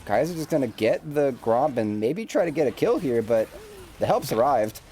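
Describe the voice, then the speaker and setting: A man calling a video game match play-by-play, quick and jokey, getting louder in big moments. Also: mid-range voice. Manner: rapid play-by-play, jokey banter, rises excitedly in big moments. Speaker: esports play-by-play caster. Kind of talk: live game commentary.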